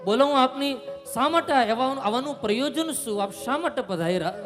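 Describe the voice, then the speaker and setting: A man's voice: very high voice, lively intonation, brisk, fairly bright tone, pitched above the performer's own voice. A man with a Saurashtra Gujarati accent voicing a humble, grieving old Brahmin priest in a storytelling sermon. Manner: humble, anguished. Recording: reverberant hall with music behind.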